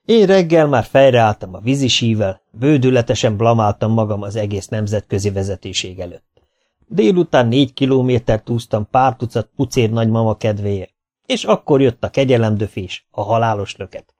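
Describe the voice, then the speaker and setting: A man reading a first-person humorous memoir as an audiobook, lively and expressive. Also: medium pitch. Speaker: audiobook reader. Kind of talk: scripted first-person narration.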